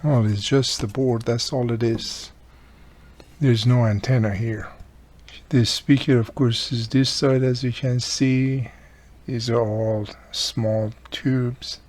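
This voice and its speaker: Working on a radio repair, this hobbyist host describes each step casually and without a script, often skipping articles in grammar that doesn't sound native. His voice is mid-range and somewhat dark, with a steady tone, and he takes his time.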